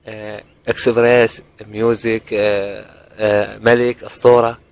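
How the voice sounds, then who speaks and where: A man's voice: on the low side, flat delivery, moderate pace, clear, resonant tone, no room sound. A man with an Iraqi accent working as a phone customer service agent, polite, patient and a little hesitant. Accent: Iraqi Arabic.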